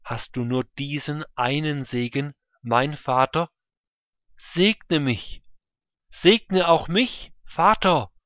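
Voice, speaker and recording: A man's voice: a little high, slow pace, dry recording, dull audio, voice pushed up. A man voicing a bitter, pleading elder son. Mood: desperate pleading. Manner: crying out, pleading loudly. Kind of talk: scripture reading.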